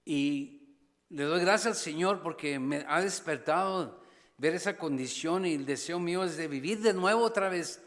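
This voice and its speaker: A man preaching as a pastor, passionate, rising to loud appeals and dropping to hushed asides. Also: fairly high pitch, normal speed. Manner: impassioned, swings between loud exhortation and hushed asides; slips briefly into English phrases. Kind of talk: sermon. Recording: long church reverb.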